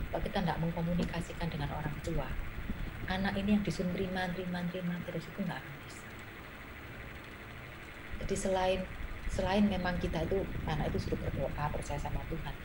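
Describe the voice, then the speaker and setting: A woman evangelist, chatting casually and acting out quoted conversations. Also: fairly low pitch. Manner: acts out quoted dialogue with children and parents. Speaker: evangelist guest speaker. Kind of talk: casual talk show conversation. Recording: noisy background.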